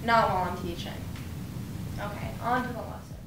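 A woman playing a dull, strict female teacher who lectures a class in a monotone. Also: mid-range voice, a little fast, noisy background, voice pushed down, lightly acted. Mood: droning. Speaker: teacher in a sketch. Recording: echoey, distant, with loud music behind.

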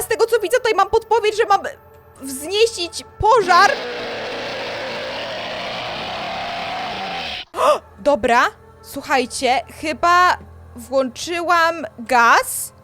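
A woman with a very high, lively voice that leaps around as she commentates a horror game. She swings between easy chatter and panicked, shrieking pleas, and faint game music runs underneath her. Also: a little slow. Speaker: gaming YouTuber.

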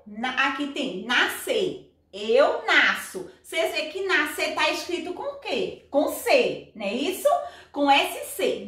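High-voiced teacher in echoey room. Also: female voice, fairly bright tone, far from the mic. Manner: patient, checks understanding with repeated questions. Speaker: Portuguese teacher. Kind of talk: recorded class lesson.

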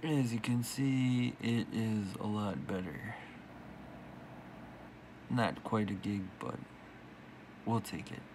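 A man's voice: lowish voice, steady tone, takes it slowly, pauses often, a little mellow, slight background noise. A man casually talking through his tech setup while filming from behind the camera, loose and full of fillers. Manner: loose, filler-heavy explaining. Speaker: tech vlogger. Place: cluttered room full of phones and routers.

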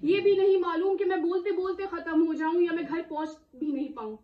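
Woman preaching to a room of ladies, super high voice, keeps asking the crowd questions, echoey and kinda muffled. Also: steady tone, fairly quick. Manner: impassioned, rhetorical questions, frequent "isn't it?" asides. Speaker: Islamic speaker addressing a women's gathering. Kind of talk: emotional religious talk to a live audience.

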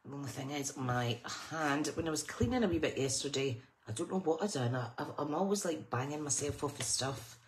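Low-voiced woman with whistling s. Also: expressive, fairly quick, few pauses. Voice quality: whistling sibilant s sounds when speaking. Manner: informal, rambling, self-interrupting with small asides and sing-song filler. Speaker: host of a live papercraft class. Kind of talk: chatty live craft tutorial. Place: at a craft table indoors. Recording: clearly noisy with clicks.

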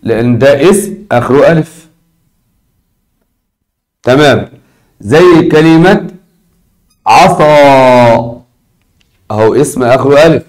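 A man with an Egyptian Arabic accent teaching a recorded lesson, repeating key words slowly and asking his students questions. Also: mid-range voice, animated, a little mellow.

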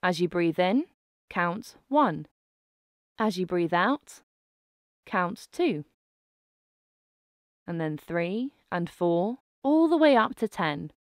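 A woman narrating a guided breathing meditation in a gentle, calming manner. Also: lowish voice, dry recording, clean studio sound. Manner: slow, gentle, calming delivery with soft phrasing.

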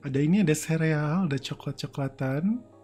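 Young man, game streamer, playful, self-mocking, slightly higher voice, soft music behind. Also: moderate pace. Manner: playful, joking, self-mocking, bursts of screams and laughter. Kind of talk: casual game commentary.

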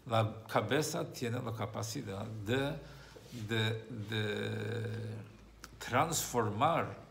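Gravelly-voiced rabbi teaching. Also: male voice, lowish voice, extremely slow, fairly bright tone, a little hiss or hum. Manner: explains by repeating and rephrasing his points. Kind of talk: religious text class with storytelling.

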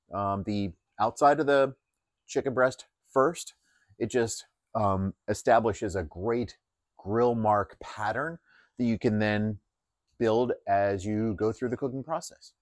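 Relaxed man explaining grilling steps. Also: medium pitch, no echo. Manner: relaxed, step-by-step with fillers. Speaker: home cook. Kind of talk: casual cooking demonstration. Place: outdoors at a grill.

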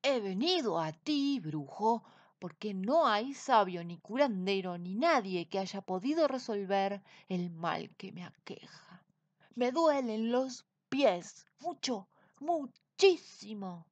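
A woman voicing a proud, demanding man king who shouts orders and complains of his pains. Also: medium pitch, expressive, takes it slowly, dry recording, dull audio. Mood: complaining. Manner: commanding, exclaiming.

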